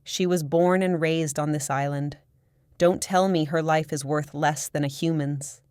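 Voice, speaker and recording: A woman's voice: sits low, steady tone, measured pace, darkish tone, clean tone, no room sound, clean studio sound. A woman playing a stern, protective father. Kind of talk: audiobook character voice.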